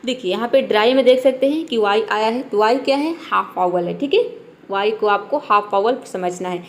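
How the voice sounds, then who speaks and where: A woman's voice: medium pitch, moderate pace. A young woman teaching English in Hindi with a Hindi accent. She explains patiently, often checks in and answers her own questions. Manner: patient, repeats "ठीक है" and asks herself questions. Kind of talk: classroom-style explanation.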